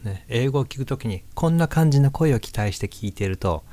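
A man's voice: medium pitch, animated, brisk, warm tone, dry recording. A man giving a casual video lesson on English pronunciation, demonstrating and exaggerating sounds as he explains.

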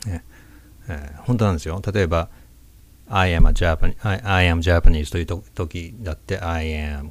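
Deep-voiced man teaching pronunciation. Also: darkish tone, no echo. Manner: demonstrates sounds, stretching and exaggerating words. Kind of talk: casual video lesson.

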